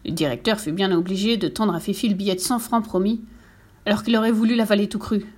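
A woman narrating a children's storybook with a lively, expressive reading. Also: medium pitch, fast talker.

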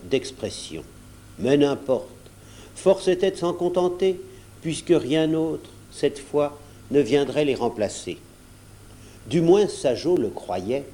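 A man narrating a children's storybook aloud in an expressive, varied storytelling manner. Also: medium pitch. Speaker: audiobook narrator. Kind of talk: storybook read aloud from cassette.

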